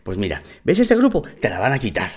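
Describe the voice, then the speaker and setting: A man with a Spain Spanish accent telling a personal story in casual, animated, profane talk. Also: lowish voice, brisk, husky.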